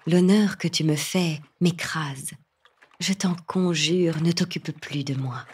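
A woman's voice: deep voice, slow pace, breathy edge, recorded from a distance, exaggerated voice. A woman voicing a fearful young peasant boatwoman who pleads in a trembling, whispery voice. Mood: pleading.

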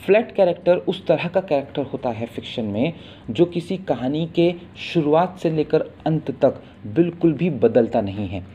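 A man teaching a literature lesson, explaining terms patiently and repeating sounds to drill them, reading English definitions slowly before explaining them in Hindi. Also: on the high side, animated, dark tone, muffled recording, slight background noise.

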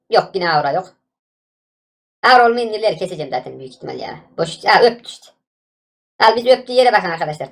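Fast-talking, excitable woman gaming YouTuber. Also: mid-range voice. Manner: excitable, exasperated, shouting at the game. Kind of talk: live gameplay commentary.

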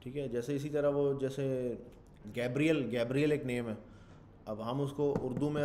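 A man's voice: medium pitch, mellow. Male programming instructor, loose rambling lecture delivery with English tech terms, light background hiss. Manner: rambling, thinks aloud, mixes English terms into Urdu. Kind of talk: casual screen-share coding lecture.

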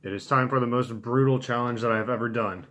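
A man's voice: mid-range voice, fairly even intonation, fast, a bit bright. A man in his twenties chatting casually to camera in a laid-back, understated way, recorded at home. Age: 20s. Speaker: challenge video host. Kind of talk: casual vlog chat to camera. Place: small home room indoors.

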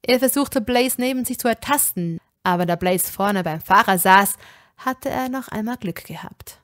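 A woman narrating a fan fiction story in a measured, even way. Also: medium pitch. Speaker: audiobook reader. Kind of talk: reading fan fiction aloud.

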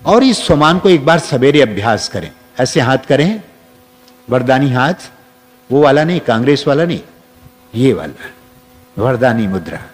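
A man giving a spiritual discourse to an audience, leading guided affirmations and repeating phrases. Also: mid-range voice. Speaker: spiritual teacher. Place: large hall with an audience. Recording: long reverb from a hall.

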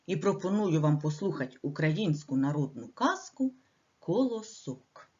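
Woman teacher, storytelling for little kids, very lively sing-song pitch, lo-fi. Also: measured pace. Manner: asks children questions, sing-song. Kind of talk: storytelling for small children. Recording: dull lo-fi recording.

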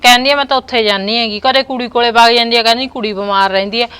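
An actress voices a gossipy neighbour in a village comedy drama who stirs up trouble. Her voice is bright and sharp, and it sits a little high. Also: fairly even intonation, rapid-fire, clean tone, natural voice. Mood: gossiping. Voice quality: gossipy, meddling. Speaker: nosy neighbour.

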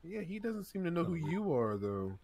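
A man's voice: fairly high pitch, big pitch swings, normal speed, darkish tone, a little hiss or hum. A man playing a police officer in a game role-play, needling a suspect with teasing questions.

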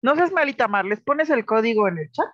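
A woman's voice: a little high, expressive, a little fast, fairly bright tone, no room sound, lo-fi sound. A woman teacher with a Mexican accent giving patient, explanatory feedback in an online class, often checking that the students follow. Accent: Mexican Spanish.

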